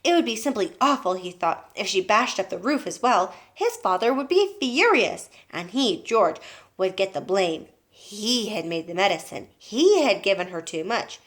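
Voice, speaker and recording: A woman's voice: medium pitch, sing-song, normal speed. A woman teacher reading a children's book aloud to her class and pointing out the pictures.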